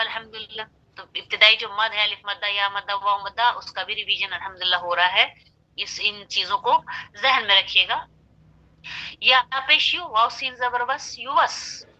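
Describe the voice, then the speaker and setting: A woman's voice: on the high side, pushed and bright, highs cut off. A woman teaching Quran recitation, patiently spelling out syllables and repeating them.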